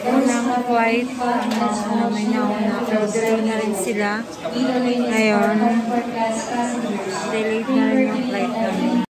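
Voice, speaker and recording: A woman's voice: fairly high pitch, little pitch movement, slow pace, over loud music. A woman with a Filipino accent chatting casually as she narrates a travel vlog. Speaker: travel vlogger. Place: busy airport terminal. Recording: noisy airport, loud crowd din.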